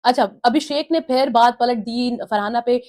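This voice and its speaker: A woman's voice: on the high side, moderate pace, a little mellow. A woman giving a casual, opinionated review of a reality show episode, retelling the housemates' quarrels and mimicking their lines.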